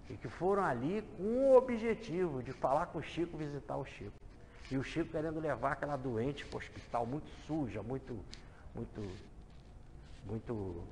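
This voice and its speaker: Brazilian guy explaining a parable, highish voice, swings up and down a lot, keeps saying né. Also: vocal fry, a little hiss or hum. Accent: Brazilian Portuguese. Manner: emphatic, swings from loud fervour to soft low asides; conversational, often adds tag questions. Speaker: lecturer on the gospels. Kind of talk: expository talk on a biblical parable. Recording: echoey hall.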